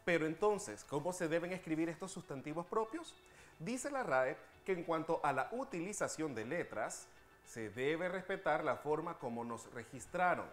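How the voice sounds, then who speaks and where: A man hosting a TV language segment, patiently explaining spelling rules and slowing down to spell out examples. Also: on the high side, animated, soft background music.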